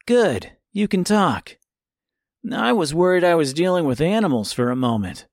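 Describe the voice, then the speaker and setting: Cocky boy swordsman, voiced by a man, higher than his narration, breezy and mocking. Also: animated, normal speed, no room sound, clean studio sound.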